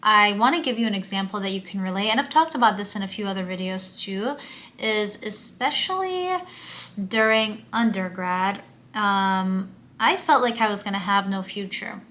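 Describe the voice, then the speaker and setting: A woman's voice: mid-range voice, animated, normal speed, sharp tone. A young woman talking candidly to camera in a casual confessional vlog, emotional and open, with lots of "um" and "like". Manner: candid and emotional, with frequent fillers like "um" and "like". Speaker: vlogger.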